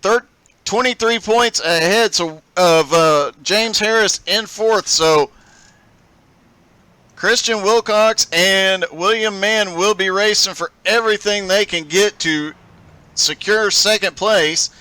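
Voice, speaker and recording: A man's voice: high-pitched, takes it slowly, sharp tone, smooth, no echo. A man calling a live sim racing event play-by-play, upbeat and laughing often as he goes. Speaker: race commentator.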